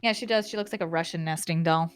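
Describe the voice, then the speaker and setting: A woman's voice: on the low side, quick pace, clean tone, no echo, soft background music. A woman streamer chatting casually and curiously while playing a game. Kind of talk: casual let's-play chat.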